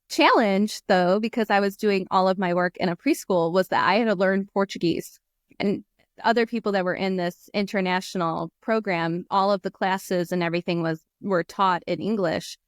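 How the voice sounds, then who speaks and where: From a small room, an American woman in her thirties uses an earphone headset mic for a relaxed video-call interview where she's the guest. Her mid-range voice keeps a moderate pace, full of fillers and frequent laughter, with clean studio sound and no room sound.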